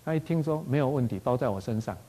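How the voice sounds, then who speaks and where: A man with a Taiwanese Mandarin accent recounts his own story as a doctor, with a voice of ordinary middle pitch. He tells it with animation, stammering over repeated words, and drops into Taiwanese phrases along the way. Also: animated, fast, warm tone, breathy edge. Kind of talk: spoken personal anecdote.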